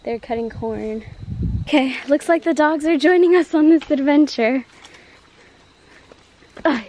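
A young woman vlogs casually on a handheld camera while walking a rural hillside and dirt road, chatting, laughing often, and sounding a bit out of breath. Her voice is high with a darkish tone, and she speaks unhurriedly.

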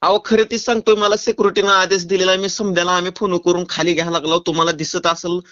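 A man is on a prank phone call, speaking in a fairly high voice. He talks in an insistent, pressing way. The call audio is dull and lo-fi. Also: level tone, fast, fairly bright tone. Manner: insistent, urgent, then apologetic and teasing. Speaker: prank caller.

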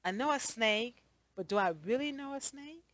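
A woman's voice: high-pitched, normal speed, a bit bright, no room sound. A woman vlogger talking in an emphatic, repetitive rant, often tagging her points with "okay?". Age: adult. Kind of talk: casual ranting commentary.

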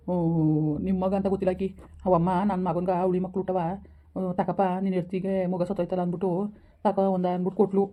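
A man's voice: fairly high pitch, dull audio, natural voice. A man, playing an earnest, apologetic village father. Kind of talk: village family drama acting.

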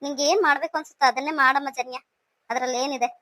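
Woman playing older cartoon mum, soft and motherly, dry close mic. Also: high voice, fairly even intonation, racing, no echo, voice pushed down. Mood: tender. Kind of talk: cartoon voice acting.

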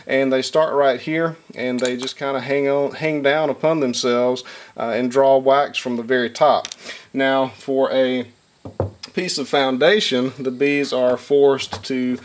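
A man in his thirties giving a relaxed, hands-on beekeeping lesson in a wood-paneled workshop, talking plainly with frequent fillers. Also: mid-range voice. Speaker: beekeeper and channel host. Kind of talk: hands-on instructional talk.

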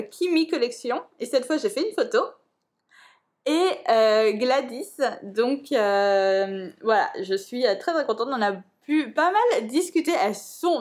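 Chatty young Frenchwoman, hesitant, rather high. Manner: hesitant, many fillers and restarts. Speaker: book vlogger. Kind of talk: casual vlog chat.

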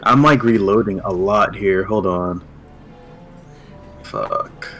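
A man's voice: low-pitched, slow pace, a bit bright, soft background music. A man streaming a game with friends, chatting casually, swearing and laughing, correcting himself. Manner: profane, laughing, self-correcting. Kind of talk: casual gaming stream chat.

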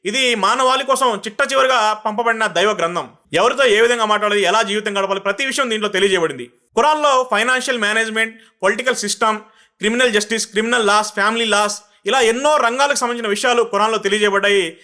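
A man preaching a religious talk, reading out numbered points and reciting verses slowly and carefully before explaining each one. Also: high-pitched, bright, forceful tone. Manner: slow, measured recitation of Arabic verses; lists numbered points, then recaps them quickly. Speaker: Islamic preacher.

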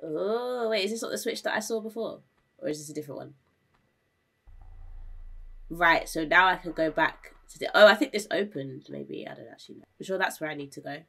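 A woman's voice: fairly low pitch, lively intonation, a little fast, vocal fry, a bit bright. A woman streaming a game, chatting casually with viewers, jumpy and easily startled, sounding a little under the weather. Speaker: gaming streamer. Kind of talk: casual live gameplay commentary.

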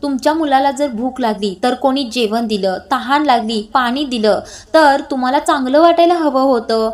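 A woman's voice: sits high, lightly acted. A woman voicing a defiant young woman arguing back at an older woman.

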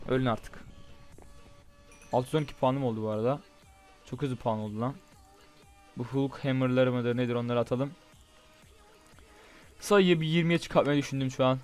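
A young man doing casual, excitable gameplay commentary, chatting straight to his viewers. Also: mid-range voice, moderate pace, long pauses. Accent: Turkish. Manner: chatty, excitable, talks to viewers as "guys" and "bro". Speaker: gaming YouTuber. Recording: faint game music behind.

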